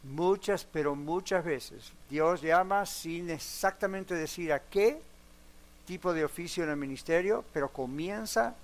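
A man's voice: on the high side, a little slow. A man preaching a sermon in a church, speaking earnestly and putting direct questions to the congregation, with a few English words mixed in. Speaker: pastor. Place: church sanctuary. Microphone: broadcast on radio and online.

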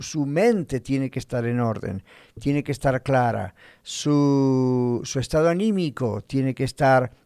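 A man preaching a sermon in Spanish, teaching slowly and deliberately, asking his listeners rhetorical questions. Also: mid-range voice, a little mellow, clear, resonant tone, no echo, studio quality. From Spanish-speaking, living in the United States. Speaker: pastor.

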